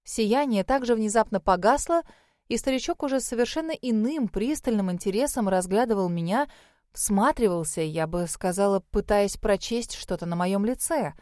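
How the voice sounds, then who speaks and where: A woman's voice: mid-range voice, moderate pace, a little mellow, no room sound. Woman narrating an audiobook, close and dry. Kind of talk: first-person audiobook narration.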